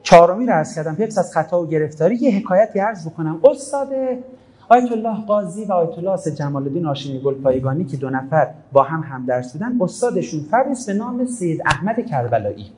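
A man's voice: a little high, lively intonation, darkish tone, low-quality recording. A man giving a religious talk, telling stories in a conversational way and quoting scripture. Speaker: preacher.

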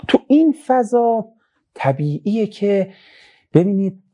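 A man giving a moral lecture to a young audience, telling stories with lively emphasis and quiet asides. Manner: animated storytelling, voice rising high for emphasis, drops low for asides.

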